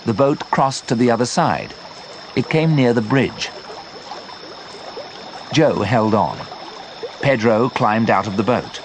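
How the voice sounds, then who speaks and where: A man narrating a simple story slowly and clearly for English learners. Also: medium pitch, a little hiss or hum. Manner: slow, clear, expressive.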